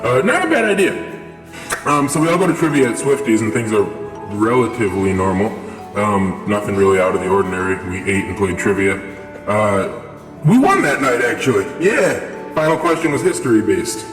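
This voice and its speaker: A man's voice: lowish voice, big pitch swings, moderate pace. A young man rambling through a casual story with lots of fillers, his voice run through a voice changer. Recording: echoey with long reverb, music behind.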